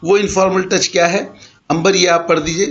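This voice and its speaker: A man's voice: high voice, fairly even intonation, a bit bright, dull audio. A man teaching an Arabic grammar class in Urdu, explaining patiently and mixing in English terms. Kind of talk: online class lecture.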